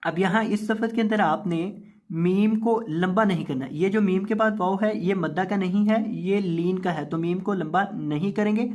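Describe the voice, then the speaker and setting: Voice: medium pitch, a little mellow. A Quran reading teacher leading a syllable-by-syllable drill, spelling out letters and vowel marks and then blending them into whole words. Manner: repeats each word slowly, stretching the vowels. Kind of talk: slow syllable-by-syllable recitation drill with explanations.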